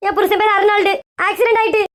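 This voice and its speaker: A woman's voice: very high-pitched, little pitch movement, racing, fairly bright tone. A woman with an acting a distraught, scolding wife in a comedy skit, wailing melodramatically.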